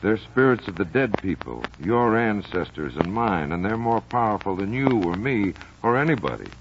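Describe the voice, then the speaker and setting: Guy playing a superstitious buddy, low voice, dead earnest spooky warnings, muffled old story recording. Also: sing-song, moderate pace. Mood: ominous, earnest. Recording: dull vintage recording with faint noise.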